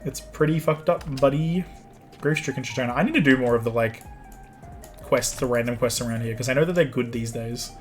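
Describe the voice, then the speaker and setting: A man's voice: mid-range voice, a little fast, faint music behind. A man streaming a game, chatting casually and rambling, often repeating himself.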